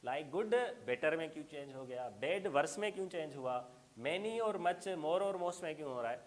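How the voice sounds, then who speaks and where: A man's voice: on the high side, lively intonation, normal speed. Patient male grammar teacher. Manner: explains patiently, calls students "beta", mixes English terms in. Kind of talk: classroom grammar lesson.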